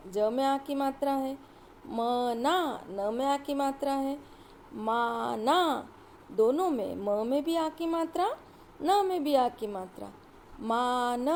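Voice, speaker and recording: A woman teacher with a high voice takes young children through a Hindi lesson at an unhurried pace. She sounds each word out patiently and cheers them on as she goes. Faint noise sits behind her voice. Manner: patient, sounds words out slowly.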